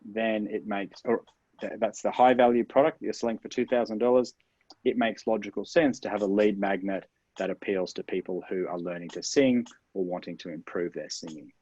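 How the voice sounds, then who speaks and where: Low-voiced man explaining marketing steps. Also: a little fast, darkish tone, slightly rough, no room sound. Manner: upbeat, explanatory, stresses key words. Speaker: internet marketing guest expert. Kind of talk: interview advice, explaining step by step. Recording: dull, dry lo-fi sound.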